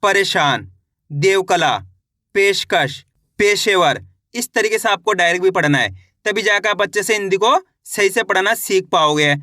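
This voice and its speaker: A man's voice: sits high, lively intonation, a little slow, pushed and bright, dry recording, clean studio sound. A man teaching a reading lesson, sounding out each word one syllable at a time and then blending it, in a patient and encouraging way.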